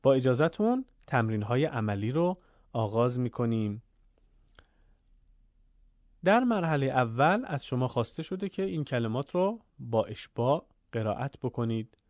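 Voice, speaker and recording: A man teaching Quran recitation, explaining rules clearly and then chanting the examples slowly and drawn out. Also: medium pitch, big pitch swings, a little mellow, no room sound. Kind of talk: recorded recitation lesson.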